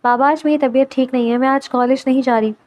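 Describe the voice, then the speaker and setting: A tearful young college student, read by a woman speaks plaintively in a narrated romance. The voice is high. It stays close to the reader's own. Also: fairly even intonation, darkish tone, highs cut off, close to an everyday voice.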